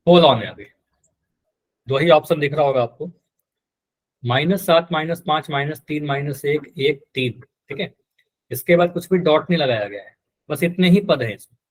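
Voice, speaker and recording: Male math teacher, slightly higher voice, patient drills, live online class. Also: normal speed, pauses often. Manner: patient, repeats key terms and quizzes students.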